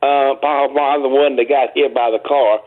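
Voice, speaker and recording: A man's voice: mid-range voice, steady tone, moderate pace, phone-quality sound. An older man from Alabama calling into a radio show over the phone, recovering from surgery and giving plain, short answers. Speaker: radio call-in caller.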